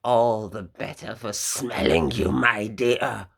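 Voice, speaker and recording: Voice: mid-range voice, fairly even intonation, takes it slowly, vocal fry, a crowd in the background. A teacher voicing a sly male wolf pretending to be a grandmother, sugary and coaxing. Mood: sweetly coaxing. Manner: sugary, coaxing, menacing underneath.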